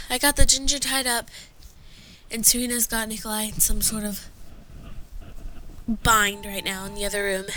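A woman as a rambling teen show host, bright tone, unhurried delivery, amateur audio drama. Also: fairly high pitch, slight background noise.

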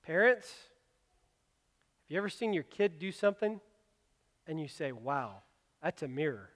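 Male pastor, sermon delivery, chatty but emphatic, personal asides; bright high voice, church hall echo. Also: sing-song, a little slow. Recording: long reverb of a large hall.

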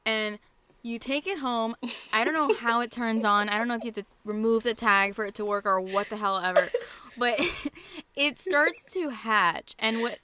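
Bright chatty woman. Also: on the high side, normal speed, a little hiss or hum. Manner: chatty, swears casually, laughs often. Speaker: podcast co-host. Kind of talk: casual chat.

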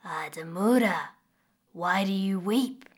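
A woman voicing a stern but kind magical mother crocodile with a low, rumbling voice and slow, deliberate speech. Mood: gentle.

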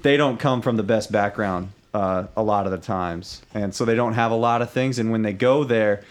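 Low-voiced man chatting casually. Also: normal speed. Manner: conversational, leans on fillers like "you know" and "like". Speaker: podcast co-host. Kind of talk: casual chat.

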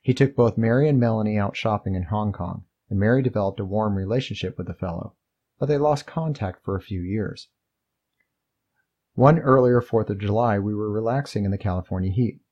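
A man narrates a first-person memoir in a low, mellow voice. His delivery is steady and measured, an unhurried reading of personal recollections. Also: dull audio.

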